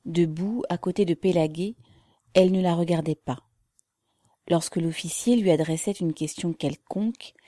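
Woman reading a novel, slow and dark toned, super dry close mic. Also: lowish voice, dry recording. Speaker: narrator. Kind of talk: audiobook reading of a classic novel.

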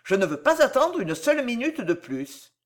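A woman's voice: mid-range voice, very animated, moderate pace. Curt impatient husband, read by a woman narrator. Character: brusque troubled married man, impatient. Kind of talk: audiobook character reading.

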